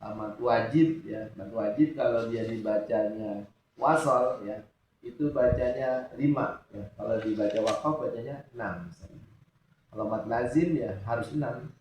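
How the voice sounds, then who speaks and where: A man teaching Quran recitation in a relaxed religious lesson, often asking questions for his students to answer. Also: medium pitch, measured pace, a little hiss or hum. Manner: asks students questions and lets them answer. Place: mosque study hall. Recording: echoey room, distant mic, dull sound.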